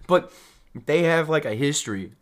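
Speaking slowly in a slightly high, animated voice, a young man co-hosting a podcast narrates a story in casual chat, with acted-out quotes and frequent laughter.

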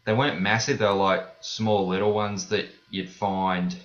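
A low-pitched Australian man talks casually as an interview guest, using plain everyday phrasing. His voice comes through a dull, roomy recording. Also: fairly even intonation, moderate pace. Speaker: podcast guest. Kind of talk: casual conversation.

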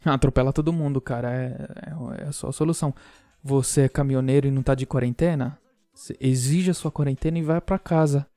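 A man's voice: mid-range voice, steady tone, a little fast, mellow, no room sound. A man hosting a casual podcast, joking with and teasing his listeners. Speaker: podcast host.

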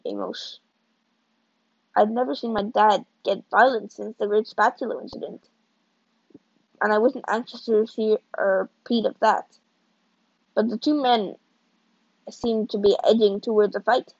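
A woman reading a novel aloud in a plain, steady storytelling way. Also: mid-range voice, normal speed, long pauses, dry recording, highs cut off. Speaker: audiobook reader.

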